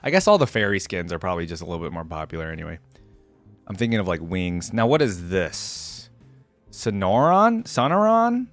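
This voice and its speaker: A man hosts a casual, unscripted reaction video, thinking aloud and commenting in a halting, conversational way. His voice is low and sing-song, with music playing in the background.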